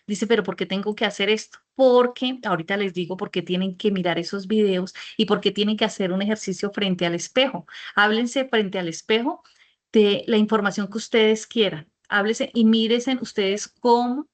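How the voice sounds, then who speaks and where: A middle-aged woman giving an online class lecture over a video call, explaining step by step and checking in with her listeners through frequent rhetorical questions. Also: medium pitch. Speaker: teacher. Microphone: computer mic on a video call.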